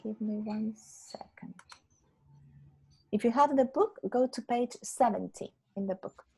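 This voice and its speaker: Patient woman teacher with a gravelly voice. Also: a little high, mellow, rough recording. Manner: patient, explains slowly, checks understanding with "yeah?". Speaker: English teacher. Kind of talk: online English lesson.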